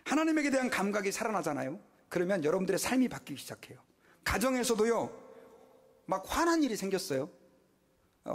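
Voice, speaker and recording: A pastor in his fifties delivers a sermon in a fairly high voice. He preaches with emphasis, asks his listeners questions and acts out little quoted exchanges along the way.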